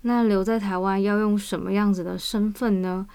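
A woman's voice: mid-range voice, fairly even intonation, moderate pace, a little mellow, smooth. A woman with a Taiwanese Mandarin accent hosting a casual personal podcast monologue, her voice weak and under the weather. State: weak voice from vaccine side effects. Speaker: podcast host.

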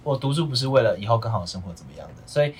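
Animated, fast-talking Taiwanese man. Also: medium pitch, slight background noise. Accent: Taiwanese Mandarin. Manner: animated, rambling anecdotes. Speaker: podcast guest. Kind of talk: casual chat, storytelling.

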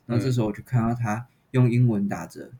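A man, hosting a podcast and retelling a story in a casual, animated and exasperated way. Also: mid-range voice, fast, creaky. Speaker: podcast host.

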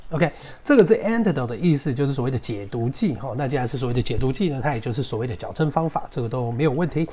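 A man hosting a casual podcast English lesson, chatting loosely and spelling words out slowly letter by letter. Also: mid-range voice, expressive, mellow. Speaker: English teacher podcast host.

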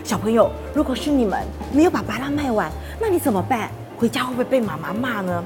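A woman with a Taiwanese Mandarin accent telling a children's story, animated and addressing the children. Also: fairly high pitch, quick pace, over music.

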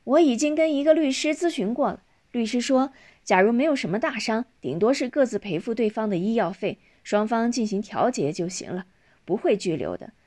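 An outspoken grown daughter insists on her point in a raised, eager voice, played by a woman narrator. Her pitch climbs and swings freely. It is told as a spoken storybook. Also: lively intonation, a little fast, darkish tone. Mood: confident.

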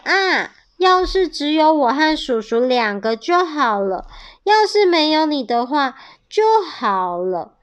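Two little triceratops sisters from a children's storybook, voiced by a woman, childlike and quick to bicker. The voices sit high and bright. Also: big pitch swings, muffled recording, exaggerated voice. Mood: squabbling.

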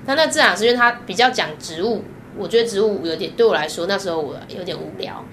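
A woman with a Taiwanese Mandarin accent, a guest telling candid personal stories in an animated way, laughing often and acting out the voices she quotes. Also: medium pitch, fast talker, a little hiss or hum.

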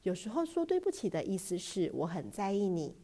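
Woman reader doing a firm storybook father who softens. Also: mid-range voice, big pitch swings, fairly quick. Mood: gentle. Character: stern but caring father.

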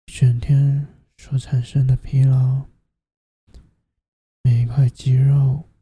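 Sleep story narrator, slow half-whispered guided meditation, very mellow, soothing, close dry sound. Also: mid-range voice, breathy edge, dry recording.

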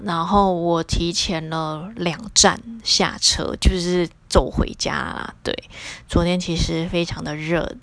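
A woman's voice: on the low side, no room sound. A woman with a Taiwanese Mandarin accent, a lawyer hosting her own podcast, telling a personal story in a casual, chatty way. Her voice climbs sharply whenever she relives an indignant moment.

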